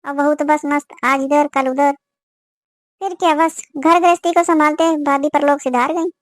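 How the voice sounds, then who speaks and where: A woman's voice: sits high, fairly even intonation, normal speed, no echo, clean studio sound, natural voice. A woman voicing an older, meddling village auntie who gossips and gives warnings in a cartoon. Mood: gossiping. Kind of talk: cartoon voice acting.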